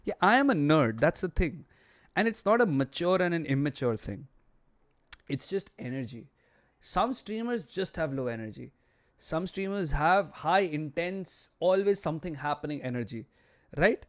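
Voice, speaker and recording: A thirty-year-old man with an Indian accent chats casually on a livestream in a lax, mellow, low-energy way, slipping Hindi phrases into his English. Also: moderate pace. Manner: low-key, relaxed, lax, low-energy delivery. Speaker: live streamer. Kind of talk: casual chat with viewers on a livestream.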